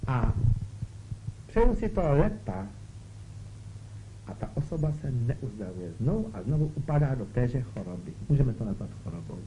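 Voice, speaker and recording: Lively, mellow-voiced man preaching. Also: medium pitch, pauses often. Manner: keeps checking in with short questions. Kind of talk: spiritual talk to listeners. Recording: dull lo-fi recording with faint hiss.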